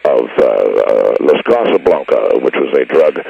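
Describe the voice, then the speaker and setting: A man voicing a pompous older former stage actor who speaks formally and haltingly with many uh's, his voice muffled and hollow as if talking into a trash can. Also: extremely low pitch, animated, gravelly, slight background noise, voice pushed down, heavily acted. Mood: grave, confessional. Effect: muffled, hollow sound as if talking into a trash can.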